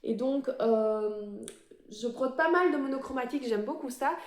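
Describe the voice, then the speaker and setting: A woman with a slightly high voice chats through her embroidery projects in a casual show-and-tell. She hesitates often, restarting phrases and filling pauses, and sounds a little nervous. The room around her is echoey. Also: a little hiss or hum. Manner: hesitant, many fillers and restarts; self-described fast talker, a bit nervous. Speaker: cross-stitch vlogger.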